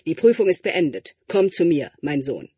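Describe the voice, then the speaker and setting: A man voicing a blunt, commanding old king who speaks loud and curt. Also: fairly high pitch, big pitch swings, normal speed, breathy edge, no room sound, full character voice. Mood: stern.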